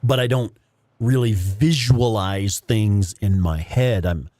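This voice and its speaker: A man's voice: on the low side, takes it slowly, mellow, no echo. A man hosting a gaming livestream with casual, rambling commentary and some swearing. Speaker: livestream host playing a video game.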